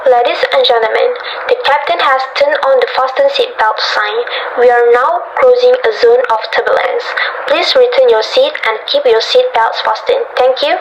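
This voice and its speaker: A woman playing a flight attendant, reading cabin announcements in a steady, formal way. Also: fairly high pitch, normal speed, few pauses, slight background noise, lightly acted. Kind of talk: read-aloud cabin announcements. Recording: slightly dull, muffled sound.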